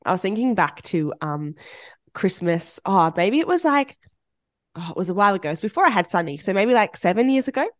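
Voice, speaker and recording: A woman's voice: medium pitch, lively intonation, brisk, dry recording, clean studio sound. Congested woman hosting a chatty podcast. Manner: upbeat and chatty, laughs often. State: congested from a chest infection. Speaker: podcast host. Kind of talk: casual podcast chat.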